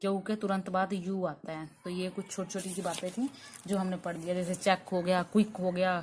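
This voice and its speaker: A woman teaching English pronunciation, going step by step, asking her own questions and answering them, and drilling sounds slowly with frequent check-ins. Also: lowish voice, flat delivery, darkish tone, slight background noise. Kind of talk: classroom lesson.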